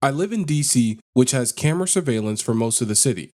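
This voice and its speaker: Male narrator for read-aloud online stories, mid pitch, flat listing delivery. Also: quick pace. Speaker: narrator reading online posts. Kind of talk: scripted narration.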